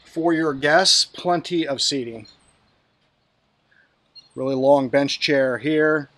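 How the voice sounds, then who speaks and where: A man's voice: mid-range voice, slow pace. A man giving a casual walkthrough tour of a boat, talking to viewers as he moves around the decks and cabin. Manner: relaxed, talks to viewers while walking around. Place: on a boat, outdoors then in the cabin.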